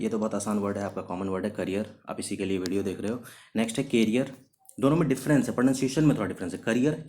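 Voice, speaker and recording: A man with a low, darkish voice teaches English vocabulary in a recorded video lesson, with slight background noise. He explains each word stepwise in Hindi mixed with English, asks and answers his own questions, and slows sharply for example sentences.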